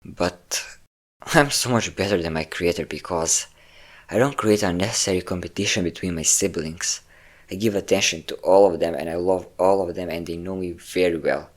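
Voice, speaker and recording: With a deep, lightly acted voice, a man plays a possessive, obsessive vampire lover who is vain and cruel. The intimate, theatrical roleplay monologue lingers on words and sighs, carrying a smug, possessive mood.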